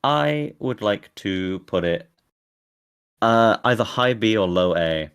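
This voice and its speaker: A man with a low voice hosting a live stream, rambling casually and laughing easily. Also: expressive, slow, fairly bright tone, smooth. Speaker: streamer host. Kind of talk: casual chat.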